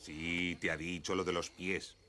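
A man voicing a dry, skeptical lemur adviser to a king in a cartoon film, gravelly and suspicious. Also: low voice, flat delivery, measured pace. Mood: dry, doubtful. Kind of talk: animated film dubbing. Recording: loud music behind.

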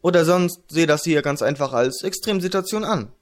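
A confident young sword mage speaks in an easy, reassuring voice, a touch high, as a male reader puts him on. He sounds friendly and joking in a fantasy audiobook. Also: moderate pace, close to an everyday voice.

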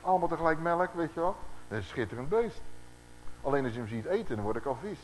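A man delivers a conversational sermon to a congregation in a meeting room. His voice sits a little high and leaps around expressively as he teaches. He keeps turning to his listeners with rhetorical questions. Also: quick pace, a little hiss or hum, low-quality recording. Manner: animated, asks the audience rhetorical questions. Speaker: preacher.

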